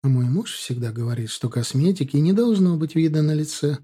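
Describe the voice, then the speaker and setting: Calm reassuring young bride voiced by a man, slightly raised pitch, husky mellow timbre. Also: brisk. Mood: soothing. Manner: calm, soothing.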